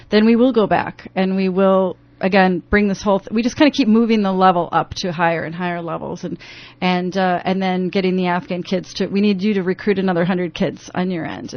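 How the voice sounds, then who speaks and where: A woman's voice: mid-range voice, no echo. Rambling woman guest on AM radio. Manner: rambling, full of restarts and fillers. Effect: AM radio broadcast sound. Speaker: interview guest, youth program founder. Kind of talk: radio interview. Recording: dull lo-fi AM radio broadcast.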